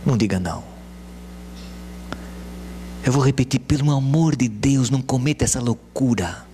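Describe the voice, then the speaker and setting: Male pastor, sermon, animated delivery, dips to whispers, faint hum. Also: mid-range voice, moderate pace. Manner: animated, swings from hushed to loud calls. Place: church.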